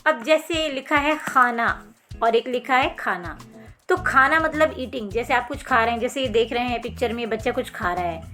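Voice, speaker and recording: A woman with a fairly high voice teaches children how to pronounce sounds and words. She talks patiently and clearly, lingering on each sound. Soft music plays underneath. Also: fairly quick, hardly any pauses. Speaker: language teacher. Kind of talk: explaining Hindi pronunciation to children.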